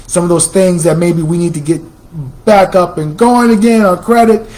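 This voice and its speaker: A chatty American man runs a casual promotional talk for a computer shop. His voice sits fairly high for a man, and he repeats phrases as he pitches deals. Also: steady tone, moderate pace, a little mellow, low-quality recording. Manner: chatty, repetitive, salesy. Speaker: computer store host.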